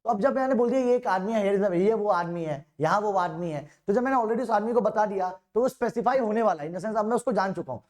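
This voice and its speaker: A man teaching an exam-prep grammar lesson, chatty and informal, reading out example sentences slowly and often correcting himself mid-sentence. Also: high-pitched, a little mellow. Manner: informal, repeatedly calls students "bhaiya".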